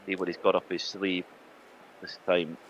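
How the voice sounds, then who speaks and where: Bright-voiced male rally commentator. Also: low-pitched, flat delivery, normal speed, dull audio, a little hiss or hum. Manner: easygoing, chatty, with filler words. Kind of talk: live sports commentary.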